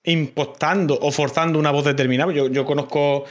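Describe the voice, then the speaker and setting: A man from Murcia with a Murcian Spanish accent, chatting casually over a video call, relaxed and swearing freely. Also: fairly high pitch, a little fast. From Murcia, Spain. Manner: relaxed, swears freely, many fillers and restarts. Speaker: streamer guest. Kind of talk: casual chat.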